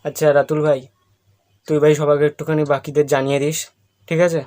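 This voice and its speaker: A man's voice: fairly high pitch, little pitch movement, fast, mellow, close to an everyday voice. A man voicing a blunt, colloquial young student in a cartoon comedy skit. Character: exasperated young male student, deferential to teacher.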